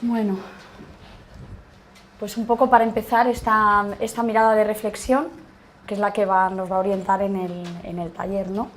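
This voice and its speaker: A woman leading a training workshop, talking in a reflective, halting way with frequent restarts. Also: medium pitch, level tone. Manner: hesitant, restarts often, reflective. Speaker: workshop facilitator. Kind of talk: informal workshop talk. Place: meeting room.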